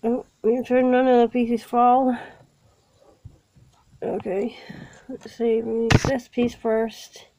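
A woman with a sniffly cold, calmly narrating each step of building a small toy set in a casual vlog. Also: fairly high pitch, takes it slowly, pauses often, slight background noise, low-quality recording. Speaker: toy vlogger. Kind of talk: casual unboxing and building walkthrough.

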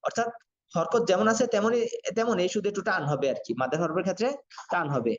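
Guy teaching quran reading, slow repeat-after-me drilling, kinda high voice, dull lo-fi audio. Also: lively intonation. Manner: slow syllable-by-syllable drilling, repetitive. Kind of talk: online class lesson. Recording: dull lo-fi sound.

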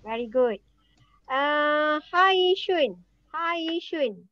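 A woman's voice: sits high, expressive, takes it slowly, dull audio. A woman teacher, patiently calling on students by name during an online language class.

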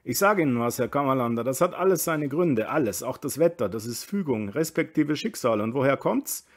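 A man's voice: medium pitch, expressive, fairly quick, pitched above the performer's own voice, natural voice. A man voicing a pompous older male townsman, lecturing in a raised voice.

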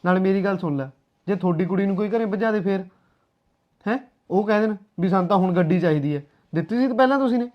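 A man's voice: high voice, fast, highs cut off, natural voice. An actor playing an angry grown son who argues bitterly with his mother in a short film drama. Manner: bitter, confrontational.

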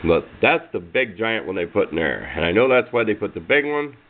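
This man, a hobbyist demonstrating a radio, has a fairly low, animated voice and talks a little fast. He rambles through a casual, hands-on explanation in folksy, informal language, captured on noisy, muffled amateur camera audio.

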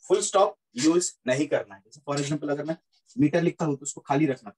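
Higher-voiced man teaching physics. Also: a little fast, darkish tone, a little hiss or hum, rough recording. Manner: repeats points, checks understanding often. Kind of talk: classroom lecture mixing Hindi and English.

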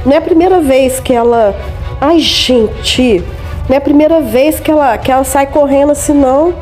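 A woman's voice: high voice, normal speed, darkish tone, close to an everyday voice. A woman playing a frantic, desperate mother. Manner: frantic and pleading. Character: desperate mother of a crying little girl. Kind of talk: game role-play voice-over. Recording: background music under the voice.

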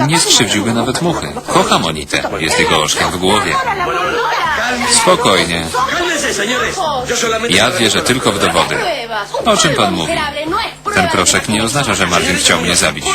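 A man reading a voice-over for a TV drama, voicing every role in one steady voice without acting. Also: deep voice. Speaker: voice-over reader. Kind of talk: Polish-style single-voice TV voice-over reading.

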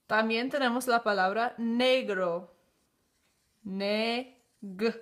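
A woman teaching a phonics lesson, slowly sounding out syllables one by one. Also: a little high, expressive, a bit bright. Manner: slow, deliberate, sounding out syllables.

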